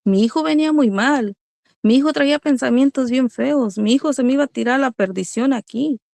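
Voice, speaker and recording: A woman's voice: high-pitched, fairly quick, creaky, darkish tone, no room sound. A middle-aged woman giving an earnest religious testimony as a mother, speaking to her listeners as brothers.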